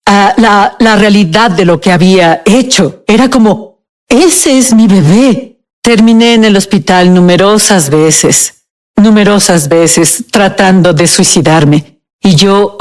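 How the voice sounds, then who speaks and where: Woman guest recounting her story, halting and emotional, mid pitch. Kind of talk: personal testimony in a TV interview, Spanish dub.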